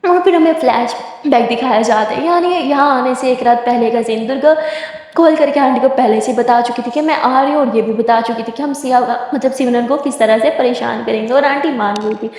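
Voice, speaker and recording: A woman's voice: on the high side, a little fast, a little mellow. A woman casually retelling a love story scene by scene, in a chatty way. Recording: echoey room, long reverb.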